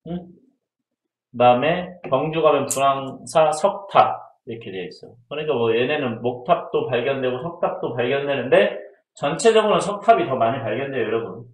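A man's voice: medium pitch, animated, fairly quick. A man teaching history in a casual exam-prep lecture, who asks his students questions and answers them himself. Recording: roomy echo.

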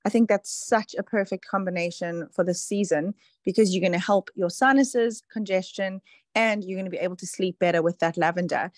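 A woman's voice: lowish voice, a little fast, no echo. A woman explaining things on a casual online call in a chatty way, full of fillers. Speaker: presenter on a product call.

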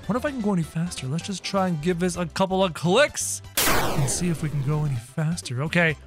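A man doing excitable game commentary for viewers, exclaiming as he plays. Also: a little high, brisk, music in the background. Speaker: gaming YouTuber.

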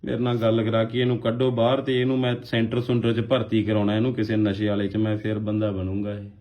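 A man's voice: fairly low pitch, level tone, fast talker. A man playing a fed-up father on a prank phone call, complaining and rambling as he talks.

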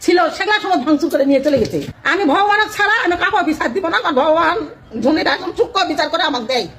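A Bangladeshi woman gives unscripted testimony in a very high voice. She speaks quickly and sounds distressed and plaintive. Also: fairly bright tone, a little hiss or hum. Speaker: victim giving testimony.

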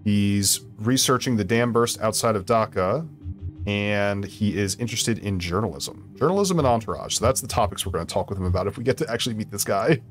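A man's voice: on the low side, lively intonation, brisk, soft background music. A man streaming a video game, commenting casually in a playful, jokey way and laughing often.

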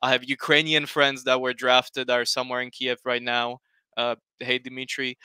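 A man's voice: mid-range voice, monotone, normal speed, bright, forceful tone, clean tone, no room sound. A young man from Slovakia, a native Slovak speaker, speaking earnestly on a headset in a casual online panel, hesitant with many fillers and restarts. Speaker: panel guest. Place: home room.

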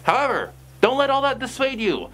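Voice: high-pitched, big pitch swings, fairly quick, a bit bright. A fursuiter giving blunt, chatty advice in a casual vlog, speaking through a costume head. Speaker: fursuiter vlogger.

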